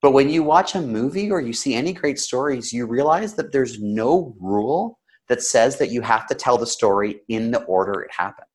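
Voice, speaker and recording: A man who is slightly sick, coaching conversationally with examples in a practised storyteller's delivery, with emotion and deliberate pauses. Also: medium pitch, animated, darkish tone. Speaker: storytelling coach and interview guest.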